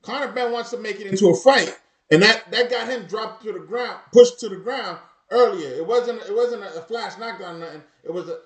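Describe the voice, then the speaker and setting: A man with a high-pitched voice hosts a live boxing watch party. He commentates emphatically, hammering the same phrases again and again. The sound is echoey, like an untreated room. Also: brisk. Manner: emphatic, repeats phrases over and over.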